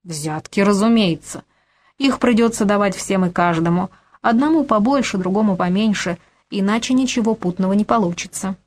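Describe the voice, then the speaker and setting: A woman reading as a brisk, bossy financier man. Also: mid-range voice, a little mellow, close to an everyday voice. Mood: lecturing. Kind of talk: audiobook character voice.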